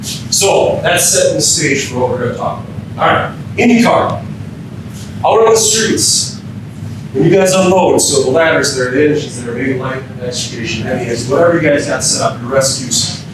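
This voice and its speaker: With a crowd audible behind him, a Minnesota man speaking at normal speed gives firefighters an interactive, informal training lecture as keynote speaker and emergency physician, repeatedly asking them questions. The room is very echoey, the mic distant, and rumbling noise runs underneath.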